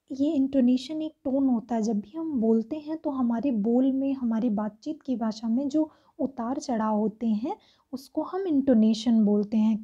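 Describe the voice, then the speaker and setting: A woman teacher, reading exam questions aloud slowly and explaining each answer step by step. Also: high voice, dark tone, breathy edge, lo-fi sound. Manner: slow, reads English questions aloud word by word then explains in Hindi. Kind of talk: exam-prep lesson.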